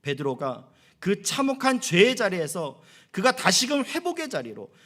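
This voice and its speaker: A man's voice: high voice, huge pitch swings, normal speed, sharp tone. A middle-aged man preaching a sermon as pastor, earnest, lifting his voice on key phrases. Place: church sanctuary.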